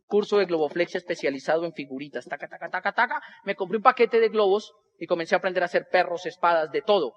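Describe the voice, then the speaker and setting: A man's voice: high voice, fast, few pauses, highs cut off. A Colombian man telling a humorous life story to an audience, acting out the people in it. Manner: animated, acts out other people's voices in dialogue.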